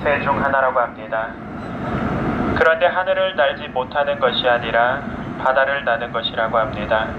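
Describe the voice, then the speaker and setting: A subway train driver giving a warm, gentle and polite announcement to passengers over the intercom. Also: male voice, normal speed. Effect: heard over the train intercom. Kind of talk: onboard announcement. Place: inside a moving subway car. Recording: muffled echoey train PA with loud rumble. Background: loud train noise.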